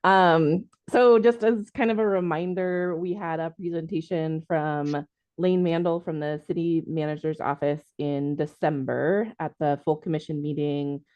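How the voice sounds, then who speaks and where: A woman's voice: deep voice, fairly even intonation, a little slow, darkish tone, no room sound. A woman from city housing staff giving a presentation in an online meeting, casual and hedging, with many ums. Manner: informal, hedging with frequent ums.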